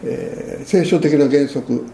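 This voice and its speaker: A man's voice: on the high side, takes it slowly, mellow, roomy sound, slight background noise. A man preaching a sermon as a pastor, in a conversational way, often ending phrases with tag questions.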